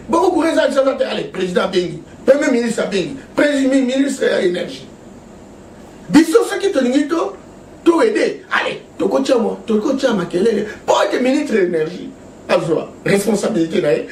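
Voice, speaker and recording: A man's voice: extremely high pitch, a little hiss or hum. A man, speaking as a political guest in an impassioned, emphatic way and laughing often. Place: TV studio. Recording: echoey room from far off.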